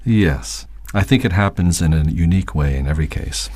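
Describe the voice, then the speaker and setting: Very deep-voiced man reading English text. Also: animated, moderate pace, a little mellow. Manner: careful reading, corrects word choices plainly. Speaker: English guest teacher.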